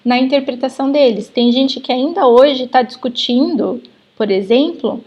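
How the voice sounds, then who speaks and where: A woman's voice: sits high, normal speed, darkish tone, husky, lo-fi sound. A woman with a Brazilian accent teaching in a live online class, explaining at length with frequent fillers. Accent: Brazilian Portuguese. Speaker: genetics lecturer. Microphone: video call.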